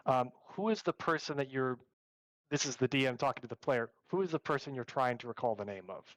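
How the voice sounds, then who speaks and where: A man's voice: medium pitch, lively intonation, a little fast, a bit bright, no echo, poor audio. A man narrating a tabletop role-playing game as game master, in a casual way with many fillers.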